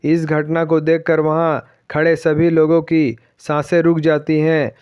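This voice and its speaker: A man reading a scripted moral story in a steady, even manner, in a slightly dull, dry recording. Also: on the high side, a little slow, smooth, no echo.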